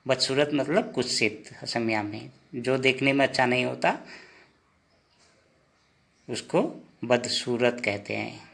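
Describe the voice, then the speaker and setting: A man giving a vocabulary lesson, saying each word slowly and repeating it several times. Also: medium pitch, creaky, a bit bright. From India. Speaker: language teacher. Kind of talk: slow spoken vocabulary lesson.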